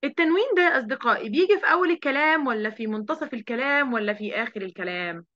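Egyptian woman teacher, high voice, coaxing questions, dull lo-fi online audio. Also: racing, no echo. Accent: Egyptian Arabic. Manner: lively, coaxing, drills children with questions. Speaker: primary school teacher.

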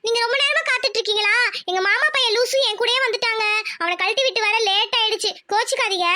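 A woman voicing a lively, emotional young village woman in love in a cartoon. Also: very high voice, dry recording. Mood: pleading. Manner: quick, chattering, pleading. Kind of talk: cartoon voice acting.

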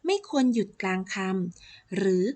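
A woman's voice: mid-range voice, big pitch swings, a little mellow, slightly rough. Woman teacher reading out a lesson. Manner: slow, careful, deliberate. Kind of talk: reading out a Thai lesson to children.

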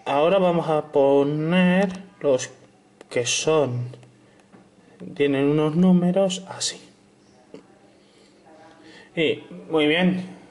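Slow, high-voiced man narrating a game. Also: a little mellow. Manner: playful, hums and sings nonsense syllables, jokey asides. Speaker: gameplay narrator. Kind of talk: narrated let's play commentary.

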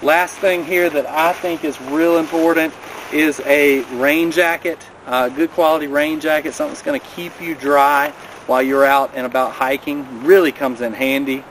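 A man's voice: a little high, fairly even intonation, moderate pace, fairly bright tone, rough recording. Casual man showing off hiking gear outdoors. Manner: friendly, practical, recommending. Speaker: vlogger. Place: outdoors by a river in a mountain valley. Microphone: camera a few steps away. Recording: outdoor camera audio with clear background noise.

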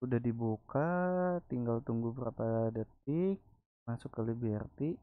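A man's voice: medium pitch, a little slow, no room sound. A man with a colloquial Jakarta Indonesian accent who can't roll his r's, chatting casually through a screen-recorded tutorial. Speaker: tutorial presenter. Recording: dull, lo-fi microphone.

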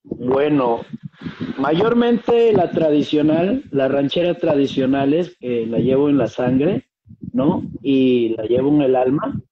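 Over a video call from a small room at home, a young man from Peru who is appearing as a guest singer answers interview questions, polite and hesitant. His medium-pitched voice is animated but slow, and he has a Peruvian Spanish accent. The webcam audio is dull and dry, with background noise.

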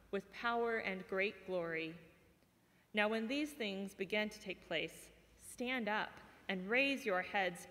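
A woman's voice: mid-range voice, fairly bright tone. Woman's scripture reading in long reverb. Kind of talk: gospel reading in a church service. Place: large church sanctuary.

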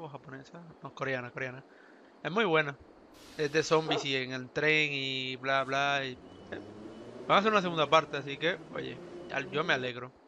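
A man's voice: fairly high pitch, bright, forceful tone, a little hiss or hum. A man from with a sore throat, chatting casually through a let's play and reading the game's text aloud. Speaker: gaming YouTuber.

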